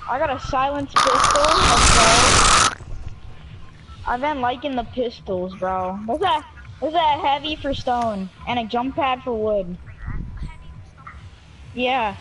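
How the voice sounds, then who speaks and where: A man's voice: very high-pitched, slow pace, pauses often, pushed and bright, a little hiss or hum. A male gamer chatting casually with friends during a match, laid-back and peppering his talk with slang. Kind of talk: casual gaming chat with friends.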